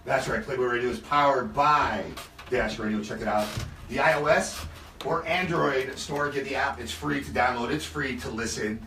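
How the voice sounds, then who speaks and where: A man's voice: mid-range voice, normal speed, bright, forceful tone, reverberant, distant mic, slight background noise. A man co-hosting a live radio show in a studio, upbeat and plugging upcoming events. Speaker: radio co-host.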